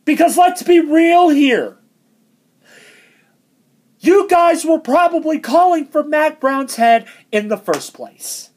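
High voice, slow, exasperated fan rant, sarcastic. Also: animated, a little mellow. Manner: exasperated, sarcastic, stumbling over words. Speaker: sports fan commentator. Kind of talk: ranting fan commentary.

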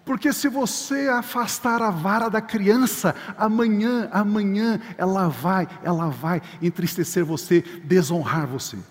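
A man's voice: high voice, measured pace, few pauses. Older male pastor preaching in reverberant hall. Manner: emphatic preaching, repeats key words, acts out church members. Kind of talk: sermon. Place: church sanctuary.

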